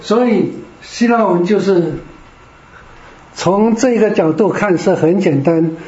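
A man with a high, mellow voice teaches Greek to a class, speaking slowly and explaining things patiently step by step. This classroom lecture was captured in a roomy, dull, lo-fi recording.

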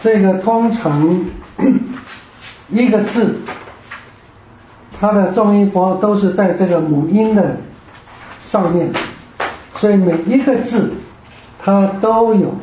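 A man's voice: high voice, takes it slowly, pauses often, mellow, a little hiss or hum. A man teaching a Greek grammar class, explaining patiently step by step. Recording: echoey room, dull lo-fi.

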